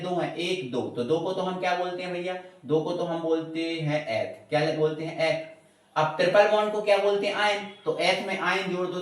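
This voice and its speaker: A man's voice: fairly high pitch, distant mic. Echoey, off-mic chemistry teacher man. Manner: repeats questions and answers them himself, addresses students as beta and bhaiya; reassuring, tells students not to worry. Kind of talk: informal classroom-style lesson.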